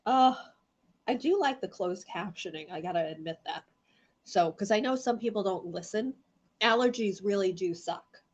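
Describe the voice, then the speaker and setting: Her voice mid-range and expressive at normal speed, a middle-aged woman keeps up rambling, casual chat on her live online gem show, greeting viewers by name. Allergies leave her congested and coughing, and the sound is lo-fi.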